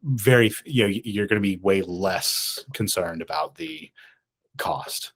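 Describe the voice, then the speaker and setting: A man with a fairly low voice talks through ad design on a casual podcast. He wanders, restarts his sentences and fills gaps with ums. Now and then he laughs at himself. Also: unhurried, fairly bright tone. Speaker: podcast co-host. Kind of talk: casual podcast chat about advertising.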